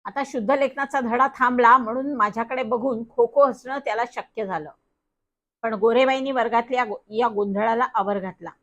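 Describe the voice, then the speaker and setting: Expressive woman reading a children's story. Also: a little high, normal speed, lo-fi sound. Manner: expressive, acts out dialogue.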